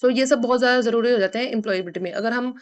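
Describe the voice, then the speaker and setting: A woman's voice: a little high, very fast, highs cut off. Woman teaching in Hinglish. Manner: explains in mixed Hindi and English, repeating examples and saying "ठीक है" often. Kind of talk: lecture on employability skills.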